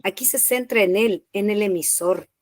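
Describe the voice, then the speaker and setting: A woman's voice: medium pitch, normal speed, no room sound. A woman teacher, patiently explaining a lesson in an online class and checking in often. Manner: explains patiently, checks in with "¿ya?" after each point.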